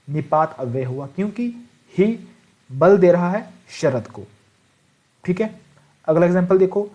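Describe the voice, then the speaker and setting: A male teacher with a slightly high but mellow, warm voice gives an online exam-prep grammar lesson. He writes on a board as he explains. He keeps asking rhetorical questions and checks in with the class after each point. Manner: repeats rhetorical questions and "ठीक है" to check understanding.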